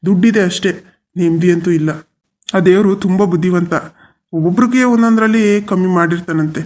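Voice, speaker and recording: An actor voicing a weary, resigned middle-aged father in a cartoon, who talks slowly and consoles his wife. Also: mid-range voice, darkish tone, lightly acted. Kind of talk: cartoon voice acting.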